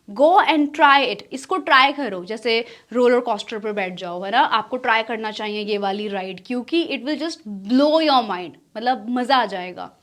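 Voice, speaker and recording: A young woman teaching spoken English as the regular host of an online lesson, saying example sentences slowly and clearly between her explanations. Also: high voice.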